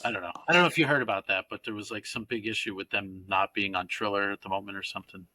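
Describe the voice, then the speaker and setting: A man's voice: lowish voice, fairly even intonation, quick pace, bright, forceful tone, rough recording. A man co-hosting a casual wrestling podcast, chatty and rambling, full of hedging asides. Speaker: podcast co-host. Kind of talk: casual chat.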